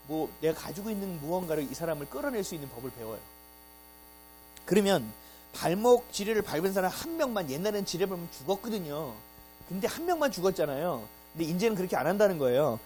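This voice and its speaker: A male pastor giving an animated Sunday sermon, full of rhetorical questions and acted-out quotes. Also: high-pitched, rough recording. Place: church sanctuary.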